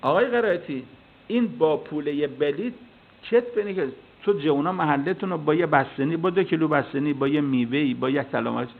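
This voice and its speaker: Male preacher, fairly high voice, lively storytelling sermon, thin phone-like recording. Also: gravelly. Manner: storytelling with acted dialogue, animated. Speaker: cleric and preacher. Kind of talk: sermon with anecdotes. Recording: tinny phone-like sound.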